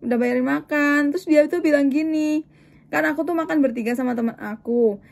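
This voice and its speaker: A woman's voice: sits high, fairly quick, creaky. A young woman from Indonesia who vlogs about life in Japan, chatting casually with viewers and acting out the conversations in her story. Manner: chatty, animated, acts out dialogue in quotes. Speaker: vlogger living in Japan.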